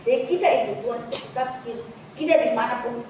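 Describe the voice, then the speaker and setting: A woman gives a personal testimony at a church service, speaking in a halting, repetitive way, recorded from a distance. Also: a little high. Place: church hall. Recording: echoey church hall from far off, faint noise.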